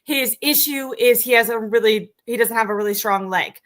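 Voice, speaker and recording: A chatty woman hosting a live-streamed sports talk show, her voice bright and forward, pitched a little high. She talks loosely, with plenty of ums and likes as she reads off stats. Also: normal speed. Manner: chatty, many fillers, reads stats aloud. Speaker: sports podcast host.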